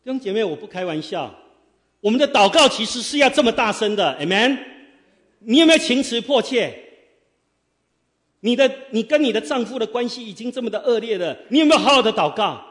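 A man preaching, his voice sitting high and carrying a long reverberant tail through a church hall. He keeps quizzing the congregation with fill-in-the-blank questions and swings between quiet asides and loud exhortation. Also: expressive, fairly quick. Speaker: pastor. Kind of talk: sermon. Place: church sanctuary.

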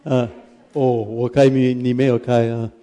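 A man preaching as guest pastor in a church, praying and then speaking gently and straight to the congregation. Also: mid-range voice, flat delivery, moderate pace, muffled recording. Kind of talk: prayer and sermon.

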